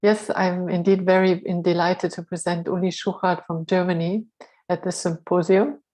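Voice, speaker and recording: A woman's voice: fairly low pitch, level tone, normal speed, warm tone, rough recording. A woman reading a speaker's introduction at an online symposium, earnest and stumbling over a few words. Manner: earnest, with slips and self-corrections.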